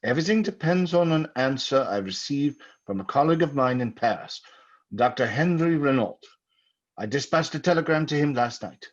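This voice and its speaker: An actor playing a grave, troubled doctor of the occult, solemn and deliberate, in old-time radio drama style. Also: male voice, mid-range voice, lively intonation, lightly acted. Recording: muffled old radio recording.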